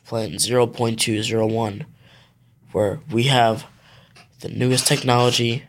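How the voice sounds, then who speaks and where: A man's voice: mid-range voice, flat delivery, unhurried. A young man improvising as a boastful alien, rambling on about his planet. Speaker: podcast guest. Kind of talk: improv game role-play.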